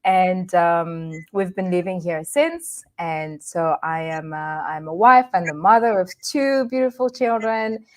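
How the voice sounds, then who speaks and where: A woman's voice: lowish voice, measured pace, hardly any pauses. Cheerful woman from Rwanda, laughing. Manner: cheerful, laughs often, many restarts. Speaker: guest. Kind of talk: casual interview chat.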